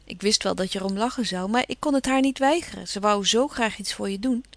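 A woman's voice: medium pitch, fast talker, dry recording, natural voice. A woman reading aloud, voicing a spirited, outspoken teenage girl in a storybook. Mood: chatty.

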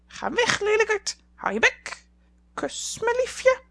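A shrill storybook parrot, screeching high, mimicking phrases, cheeky pet bird. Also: sing-song, takes it slowly, vocal fry, bright, forceful tone, exaggerated voice. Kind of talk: audiobook character voice.

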